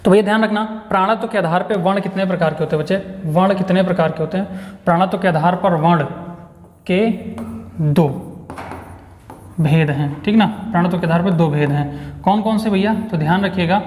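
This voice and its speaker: A man's voice: high-pitched, brisk, darkish tone. Upbeat male Hindi teacher, echoey room. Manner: repeats questions to students, upbeat cheering. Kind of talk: online exam-prep class. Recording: echoey room with long reverb.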